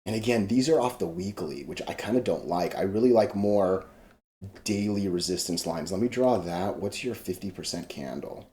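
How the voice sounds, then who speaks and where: A man's voice: low-pitched, expressive, normal speed, mellow. A man casually talking through stock charts, rambling and restarting his sentences, with loose slang. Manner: rambling, self-interrupting, salty slang. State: hiccups. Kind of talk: casual screen-share chart commentary.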